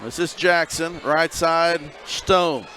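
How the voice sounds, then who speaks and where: High-voiced man calling a high school game. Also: crowd noise, noisy background. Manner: quick, wry asides between plays. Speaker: play-by-play announcer. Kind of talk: basketball commentary. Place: courtside at a high school gym.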